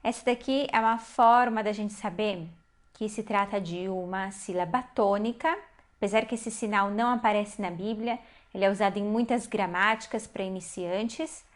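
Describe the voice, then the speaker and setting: A woman teaching a Hebrew reading lesson, explaining patiently step by step and slowing down to spell out syllables. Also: medium pitch. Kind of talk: online language lesson.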